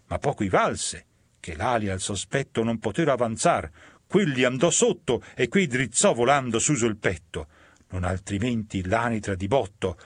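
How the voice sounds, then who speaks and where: A man reading medieval verse aloud in a measured, dramatic recitation. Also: mid-range voice, slightly rough, no echo, studio quality. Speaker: reader.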